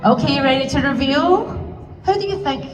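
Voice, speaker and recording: A Scottish woman moderating a convention panel, chatty and self-deprecating, with quick asides. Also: high voice. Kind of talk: lively convention panel hosting. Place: large convention hall with audience. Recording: echoey convention hall from far off, crowd noise.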